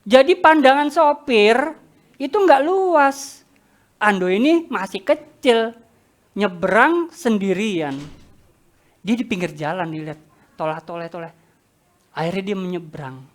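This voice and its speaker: A woman preacher telling a story in a sermon, animated and talking straight to the congregation. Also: medium pitch, a little slow, long pauses. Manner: animated, addresses congregation directly.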